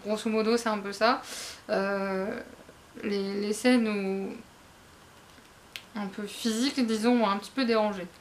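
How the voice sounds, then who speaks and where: Woman, casual vlog reviewer, mid-pitched, hesitant and chatty, frank asides to camera, light background hiss. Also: steady tone, a little slow, long pauses. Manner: rambling and hesitant, many fillers, frank asides; chatty, addresses viewers directly. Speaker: manga reviewer, book blogger.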